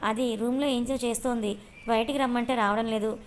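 A woman voicing a weary, slightly sulky middle-aged mother who speaks slowly and grumbles. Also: fairly high pitch, steady tone, slight background noise, close to an everyday voice.

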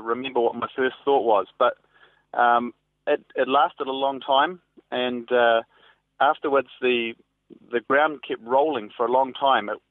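A reporter recounts an eyewitness story during a phone interview, pausing and faltering as he speaks off the cuff. The man's voice is mid-range, the recording dry, and the phone line tinny and narrow.

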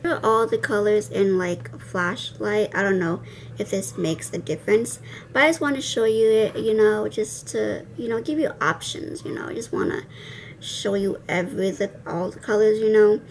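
A young woman vlogger talks through a makeup demo at an ordinary mid pitch, her r sounds leaning toward w. She is chatty, slangy and quick to poke fun at herself. The home recording has clear background noise. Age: young adult. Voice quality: soft r sounds, r said like w. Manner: playful, self-deprecating, slangy asides. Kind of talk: casual chatty tutorial. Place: indoor room with cloth backdrop, seated before camera.

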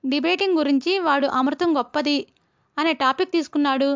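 A woman doing a pleading schoolboy, high and earnest. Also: fairly quick, a bit bright. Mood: insistent. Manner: pleading, insistent. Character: pleading schoolboy arguing with gods. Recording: dull lo-fi recording.

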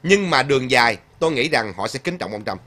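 A man hosts a chatty livestream, reading viewer comments aloud and answering them. His voice is bright and forceful, at an ordinary male pitch. He talks emphatically, repeats his points and fills pauses often. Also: lively intonation. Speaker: host of a political livestream.

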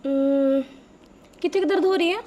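A polite, educated young woman who soothes and helps the family, played by a young woman. Her voice is fairly high and gentle, with a faint hum of room noise. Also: measured pace. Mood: soothing. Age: young adult. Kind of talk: family drama acting.

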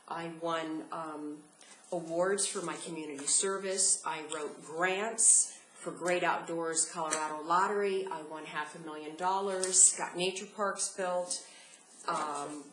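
A middle-aged woman giving a home video testimony as a patient, out of breath and speaking in a halting, earnest way with pauses. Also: on the low side, reverberant, slight background noise, rough recording.

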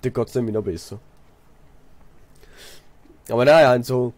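Casually chatting during a gaming session, a young Swiss German-accented man tells rambling stories that circle back on themselves. He is a let's player and apprentice builder from Switzerland, with a medium, darkish voice at normal speed and no room sound.

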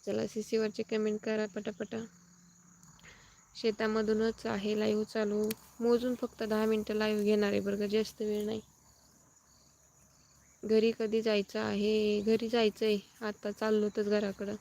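A woman chats casually on a live stream from her farm field, her voice dark and mellow with a gravelly edge. She talks in a flat, even tone, thanking viewers one by one, while crickets and insects hum outdoors around her phone. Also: medium pitch, unhurried, pauses often. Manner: reads out comments and thanks viewers, chatty.

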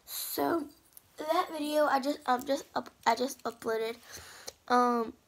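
Sassy, boastful girl with a creaky voice. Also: sits high, slow. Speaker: vlogger. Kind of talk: casual vlog chat.

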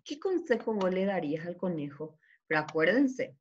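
A woman teacher giving a children's reading lesson, sounding out syllables carefully and often checking in with a quick question. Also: on the low side, big pitch swings, lo-fi sound. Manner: slow and deliberate, often checking with "¿sí?".

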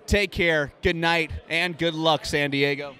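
Guy putting on a cheesy news reporter voice, high and bright, crowded convention hall. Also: steady tone, measured pace. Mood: hammy newscaster. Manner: exaggerated newscaster delivery, shouting at passersby. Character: mock TV news reporter, male, hammy and overeager. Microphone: handheld mic.

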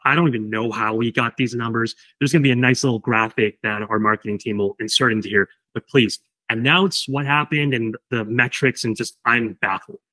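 A man, the company's chief of staff, keeping a business discussion moving in a relaxed, conversational way. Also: mid-range voice. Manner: conversational, prompts the questions.

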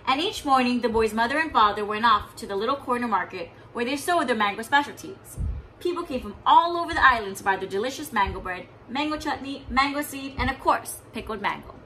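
A woman teacher reading a picture book aloud to young children, expressive and stopping to explain words. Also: a little high, brisk, slight background noise, low-quality recording. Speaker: kindergarten teacher.

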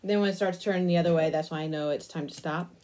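A young adult woman, a crafting vlogger, chats casually through a crochet demonstration in a small indoor attic room, absorbed and half talking to herself. Her voice is lowish and darkish in tone, with fairly even intonation, and she speaks fast.

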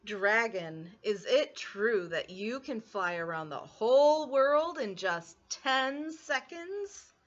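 A woman voicing a clever, spirited young princess in a storybook, eager and flattering. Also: a little high, slow pace, hardly any pauses, dull audio. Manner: eager, flattering, wide-eyed.

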